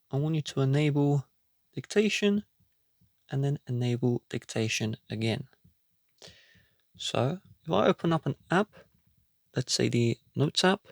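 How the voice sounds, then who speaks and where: A man's voice: on the high side, no echo. A man narrating an instructional tech tutorial step by step in a plain, instructive way, recorded as a voice-over close to the mic.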